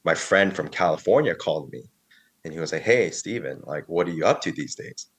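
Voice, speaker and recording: A man's voice: sits low, animated, fairly quick, husky. A man in his early thirties, a podcast guest telling his story in a casual, rambling way, full of fillers and quoted dialogue. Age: 30s.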